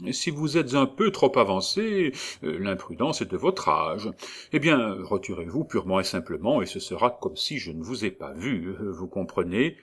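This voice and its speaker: A man's voice: on the low side, big pitch swings, moderate pace, fairly bright tone, husky, full character voice. A man voicing a pompous, fussy middle-aged notary who speaks sententiously and hesitates with many "euh"s.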